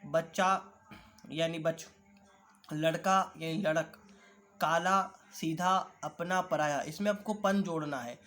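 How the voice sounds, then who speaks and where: A man teaching an online class, slowly reading out and explaining textbook answers. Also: a little high, a bit bright. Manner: carefully repeats words for pronunciation drill.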